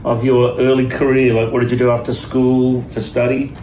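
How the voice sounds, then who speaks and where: A man's voice: medium pitch, little pitch movement, moderate pace, mellow. A man hosting an interview show, asking his guest about his life and nodding along with short affirmations. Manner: brief affirming backchannels. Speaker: host. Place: in Kampala, Uganda. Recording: echoey room, faint noise.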